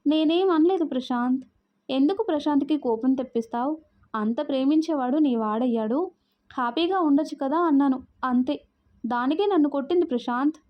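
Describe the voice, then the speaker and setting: A scheming young woman with a sly, taunting edge and a somewhat high voice, as a woman storyteller puts her on. The lines come through muffled, lo-fi audio, like an audio story read from a script. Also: moderate pace, natural voice. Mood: whining.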